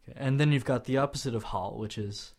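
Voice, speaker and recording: A man's voice: medium pitch, fast, a little mellow. A man co-hosting a casual language lesson podcast, with sarcastic asides. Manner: wry, sarcastic. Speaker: podcast co-host.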